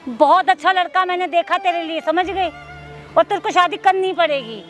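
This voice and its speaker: An actress plays a harsh, middle-aged stepmother nagging and scolding her stepdaughter in a staged social drama. Her voice is very high-pitched and a bit bright at normal speed, with faint music behind it.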